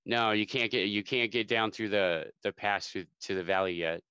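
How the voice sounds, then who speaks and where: A man's voice: fairly low pitch, normal speed, sharp tone, clean tone, no echo. A man running a tabletop game as game master, narrating in a joking way and laughing easily.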